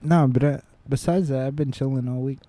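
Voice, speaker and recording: A laid-back young man co-hosting a podcast. His voice has a mellow, warm tone at a middle pitch. He jokes easily and talks in an unhurried, relaxed way. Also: no room sound. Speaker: podcast co-host. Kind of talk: casual chat.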